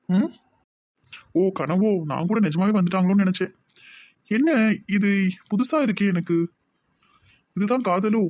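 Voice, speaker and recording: A man's voice: high-pitched, dry recording, highs cut off. A man voicing a lovestruck young village man in a cartoon, with a Tirunelveli Tamil accent, musing dreamily to himself.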